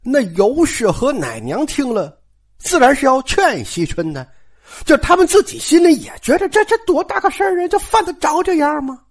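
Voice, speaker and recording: A woman's voice: sits high, very animated, moderate pace. A woman retelling a classic novel in a chatty storytelling style, turning to the listeners with frequent asides.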